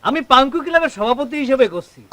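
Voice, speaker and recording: A man's voice: very high-pitched, fast, music in the background. Man playing an earnest, speechifying club president. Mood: earnest, polite. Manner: polite, formal and speechifying.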